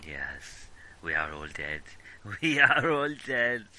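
A man's voice: lowish voice, sing-song, slow pace, sharp tone, full character voice. A man voicing a haggard old male recluse, feverish and fatalistic, with wheezing laughs. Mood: despairing.

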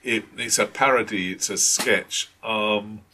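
A man's voice: lowish voice, unhurried, bright, forceful tone, a little hiss or hum. A man, a tabletop game master, chatting casually and hesitantly with many restarts and fillers. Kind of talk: casual chat.

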